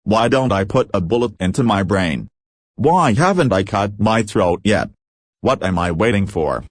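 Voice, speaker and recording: A man's voice: on the low side, lively intonation, moderate pace, no echo, clean studio sound. A man reading the part of a hot-tempered, fussy older landowner father in a play. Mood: despairing.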